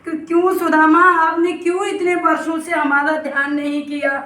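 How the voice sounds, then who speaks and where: A woman's voice: high voice, little pitch movement, moderate pace, a bit bright, far from the mic. A woman playing the god Krishna, an emotional, coaxing young man who keeps calling out to his old friend. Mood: pleading. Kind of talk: devotional story enactment. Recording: roomy, voice from afar.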